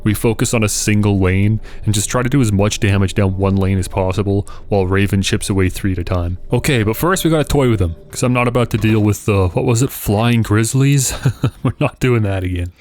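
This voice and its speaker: A man's voice: fairly low pitch, brisk, a little mellow. A man hosting a gaming video, thinking aloud in casual, reactive commentary.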